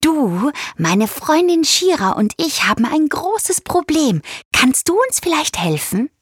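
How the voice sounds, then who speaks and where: Chirpy little pink bird voiced by a woman, cheerful, squeaky high, bouncy, storybook. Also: very animated, a little slow, no echo, studio quality. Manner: chirpy and bubbly.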